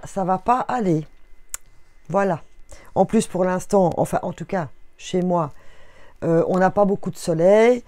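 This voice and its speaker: Belgian lady doing a card reading, slow and soft, warm lowish voice, talks right to you. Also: no room sound. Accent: Belgian French. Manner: gentle, unhurried, talks straight to viewers. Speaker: oracle card reader.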